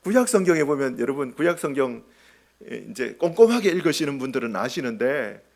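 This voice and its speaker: A man's voice: very animated, fairly quick, creaky. A man preaching as a pastor, emphatic, asking his congregation rhetorical questions and acting out short quoted lines. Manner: acts out short quoted lines with swings in pitch and loudness. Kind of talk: sermon.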